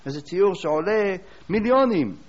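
A man preaching a sermon, telling a story as a lively storyteller who asks rhetorical questions. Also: sits high. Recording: dull lo-fi recording.

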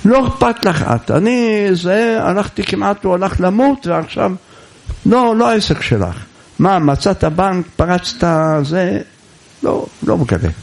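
A man's voice: sits high, lively intonation, gravelly, hardly any pauses, dark tone, voice pushed up, exaggerated voice. Man doing a defensive, snapping poor husband.

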